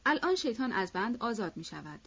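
A woman's voice: on the high side, sing-song, fairly bright tone, slightly rough, exaggerated voice. Lady voicing a sly servant guy, knowing matter-of-fact chat, muffled audio. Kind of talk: audiobook character voice.

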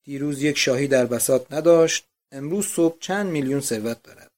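A man's voice: mid-range voice, a little mellow, close to an everyday voice. A man voicing a coolly mocking convict. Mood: calm mocking. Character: cool, mocking middle-aged man, an escaped convict.

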